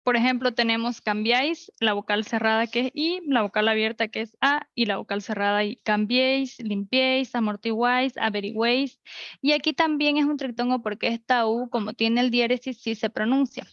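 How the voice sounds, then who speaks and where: Online teacher, woman, higher voice, slightly dull lo-fi mic, methodical. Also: moderate pace, a bit bright, dry recording. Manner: explains rules step by step with examples. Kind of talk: online class lecture. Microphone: computer mic.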